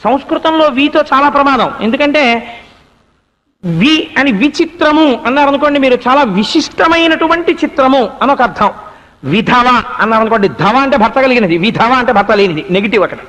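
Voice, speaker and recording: A man delivers a spiritual discourse in a very high voice, retelling a story and pausing to put questions to his listeners. His voice rings with a long reverb from a large hall. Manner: animated storyteller, rhetorical questions to the audience.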